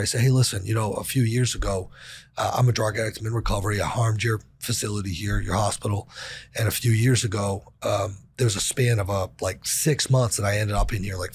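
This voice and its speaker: A man's voice: lowish voice, a little hiss or hum. A man talking as a podcast guest, telling a personal story in a blunt, profane, casual way with lots of fillers.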